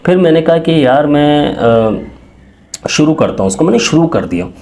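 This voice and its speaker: A man's voice: on the high side, sing-song, measured pace, warm tone. A man in his thirties telling his own life story in an earnest, rambling way, full of restarts and quoted thoughts to himself. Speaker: speaker sharing a personal story. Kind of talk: casual personal testimony.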